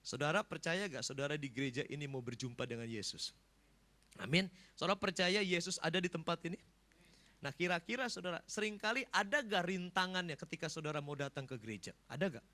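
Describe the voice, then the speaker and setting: A male pastor preaches a sermon in an animated way, breaking into sudden loud bursts and often addressing the congregation. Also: fairly high pitch, a little fast.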